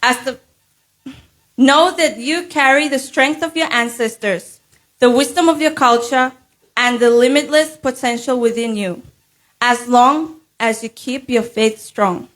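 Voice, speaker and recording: A young woman delivers a prepared, formal speech as a pageant contestant. Her voice sits fairly high. She speaks earnestly, with measured, rhetorical phrasing. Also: fairly bright tone. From Nauru. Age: young adult.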